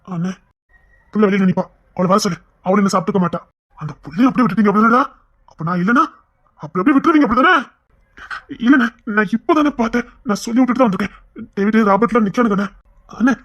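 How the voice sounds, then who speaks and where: A woman with a husky voice carries a family serial on her own, playing every part. She moves from stern, brotherly scolding to soft, coaxing tenderness. Her pitch sits in an ordinary middle range. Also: highs cut off. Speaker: storyteller voicing a whole family.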